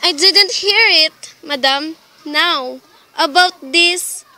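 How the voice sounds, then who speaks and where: A woman's voice: very high-pitched, slow, bright, forceful tone, full character voice, poor audio. A woman playing a polite, formal hospital switchboard receptionist in a radio play. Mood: calm, puzzled. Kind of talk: dramatic radio play acting.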